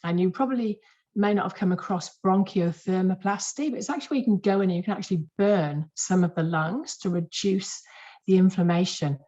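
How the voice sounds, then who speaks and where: A woman, a clinician, giving a lively and emphatic webinar lecture to health professionals in a conversational way, repeating words for stress. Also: fairly low pitch, brisk. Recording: muffled lo-fi webinar audio.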